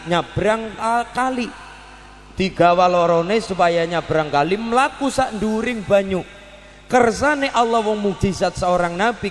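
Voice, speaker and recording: A male preacher tells a story at a religious gathering in a lively, rhythmic way. His voice sits high for a man, and the hall carries a long reverb. A faint hum lies beneath him. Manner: lively, mixing Javanese and Indonesian, rhythmic sound words. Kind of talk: sermon storytelling.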